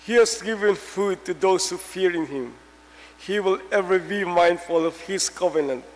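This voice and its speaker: High-voiced male lector in reverberant church. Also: moderate pace. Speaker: lector at Mass. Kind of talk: scripture reading and responsorial psalm.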